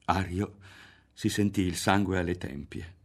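A man narrating a literary audiobook in a measured, expressive way. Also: low-pitched, breathy edge. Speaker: audiobook reader.

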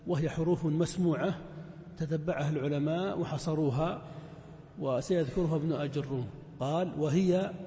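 A man leads a grammar lesson in a large mosque, going step by step through examples and putting questions to his students. His voice sits a little high with a mellow, soft edge. The sound rings out with long reverb across the hall. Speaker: grammar teacher.

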